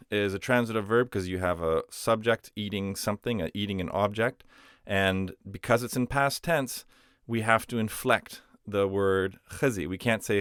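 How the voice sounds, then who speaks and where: Male teacher explaining grammar slowly, with a low, smooth voice, dry close sound. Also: a bit bright, no echo. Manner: patient, step-by-step explanations with frequent "uh" and self-corrections. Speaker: language teacher.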